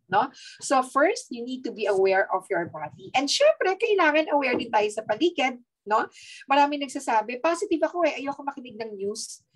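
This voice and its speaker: A woman with a Filipino accent giving a lively, chatty health talk, mixing in teasing asides and frequent tag questions. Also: high-pitched, poor audio. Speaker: health speaker.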